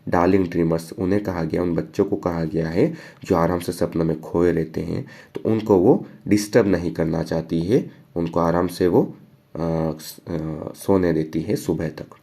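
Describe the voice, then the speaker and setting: A man, explaining a poem line by line as a teacher, reading each verse slowly and then talking it through casually. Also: low voice, steady tone, vocal fry, mellow. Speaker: English teacher.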